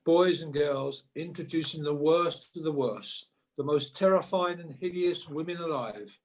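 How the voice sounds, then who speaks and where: A man as a declaiming, higher-voiced panto narrator. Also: a little slow, close to an everyday voice. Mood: grand announcing. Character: pantomime narrator announcing characters grandly.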